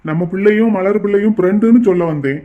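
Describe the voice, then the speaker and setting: Brief: a man playing an easygoing cartoon dad, quick and high, dull lo-fi sound. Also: close to an everyday voice.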